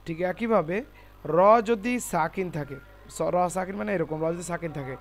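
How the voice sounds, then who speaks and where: A man with a fairly high voice teaches Quran recitation in a classroom. He spells out letters and vowel marks, then stretches each word out loudly and slowly. He keeps stopping to quiz his class. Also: lively intonation, faint music behind. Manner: asks questions to the class. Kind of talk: classroom lesson. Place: classroom with a board.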